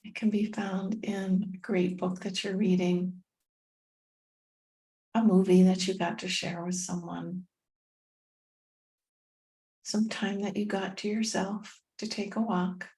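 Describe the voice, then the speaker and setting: This meditation guide and tapping coach talks in a soft, relaxed voice, neither high nor low, taking her time throughout. Her phrases are brief and gentle, with long calming silences in between. The audio quality is poor.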